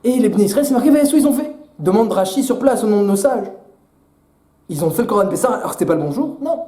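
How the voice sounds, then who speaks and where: A rabbi man preaches a Torah lesson in a high, mellow voice. He asks rhetorical questions and retells midrash with animation. The recording rings with room echo. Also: lively intonation, fast talker. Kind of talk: Torah sermon in French with Hebrew terms.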